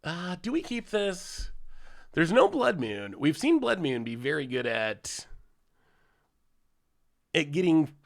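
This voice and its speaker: During casual live-stream commentary on a card game, a man with a cold-congested, gravelly voice chats with viewers, laughs often, and thanks subscribers. His voice runs on the high side with huge pitch swings, and he speaks slowly, pausing often.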